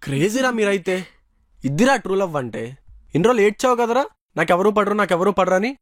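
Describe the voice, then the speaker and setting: Teasing young man with a high voice. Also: animated, fast talker, dry recording, studio quality. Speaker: friend in a comedy sketch. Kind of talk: scripted comedy sketch.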